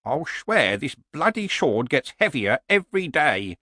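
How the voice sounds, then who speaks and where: A stubborn, world-weary old barbarian, acted by a male story reader, grumbling bluntly with a very animated rise and fall. The voice is dry and close, with an elderly hero's grumpy resolve. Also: on the high side, measured pace, no echo, pitched above the performer's own voice, full character voice.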